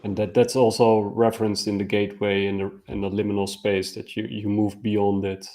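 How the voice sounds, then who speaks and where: A man's voice: on the low side, flat delivery, normal speed, warm tone. A man hosting a casual interview, offering brief affirmations and enthusiastic questions. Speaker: interviewer host.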